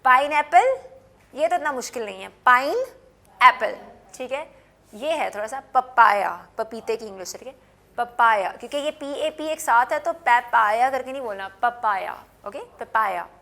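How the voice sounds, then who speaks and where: Woman teaching, slow drilled words. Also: a little high, lively intonation, a bit bright. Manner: patient, repeats words slowly and spells them out. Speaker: English teacher on a TV show. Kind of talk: classroom lesson with repetition drills.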